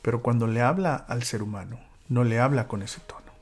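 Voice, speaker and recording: A man leading a church small-group Bible study, speaking reflectively with fillers and dropping into a whisper for calm moments. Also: medium pitch, a little fast, slightly rough, faint music behind. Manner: reflective, with many fillers and soft whispered asides.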